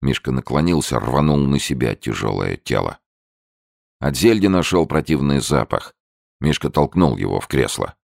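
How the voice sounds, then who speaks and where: Deep-voiced male crime audiobook reader, gravelly, lively delivery. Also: normal speed, dry recording, studio quality. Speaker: audiobook narrator. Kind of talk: dramatic crime-novel narration.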